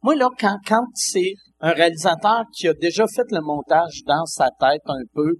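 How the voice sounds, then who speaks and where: A man's voice: fairly high pitch, moderate pace, a little hiss or hum. A Québécois French man chatting casually on a podcast, often hesitating with fillers. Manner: hesitant, filler-heavy talk. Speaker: podcast host.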